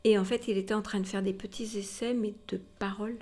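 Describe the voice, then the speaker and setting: Speaking fast in a steady, slightly mellow mid-range voice, a woman guiding at a museum tells a visitor historical stories in a casual, explanatory way. She talks straight to her listeners and leans on rhetorical tags.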